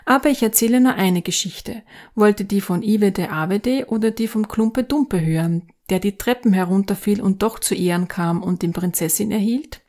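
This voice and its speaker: A woman voicing a kindly little stout man who tells stories to children, in a lively, friendly way. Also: mid-range voice, moderate pace, hardly any pauses, close to an everyday voice.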